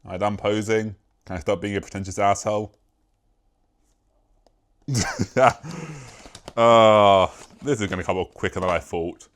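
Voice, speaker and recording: With a lowish voice and a steady tone, a young British YouTuber chats fairly quickly to the camera. His vlog is rambling and self-deprecating, peppered with casual swearing.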